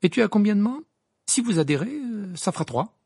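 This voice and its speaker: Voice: mid-range voice, sing-song, a little fast, gravelly, a little mellow, slightly rough, no room sound, studio quality, voice pushed up, heavily acted. An audiobook reader voicing Hermione, an earnest, bossy teenage witch who lectures with eager insistence. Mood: ardent. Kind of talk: audiobook character voice.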